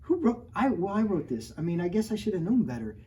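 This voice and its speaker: Fast and sing-song, a man's high-pitched voice has a dark, slightly rough tone as he reads his picture book aloud to children. During this storytime he jokes with the kids directly and plays up mock outrage at what happens in his own story.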